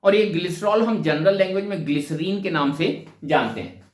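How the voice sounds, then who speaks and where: A man teaching a chemistry lesson, asking questions and answering them himself and slowing down to spell out names term by term. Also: sits high, roomy sound, far from the mic. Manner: asks questions then answers them, mixes in English phrases. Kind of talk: explaining a lesson.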